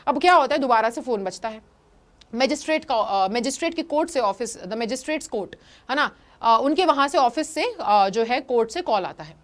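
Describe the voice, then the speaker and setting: A young woman teacher explaining a story chapter in mixed Hindi and English, reading English lines slowly and then retelling them quickly. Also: fairly high pitch, animated.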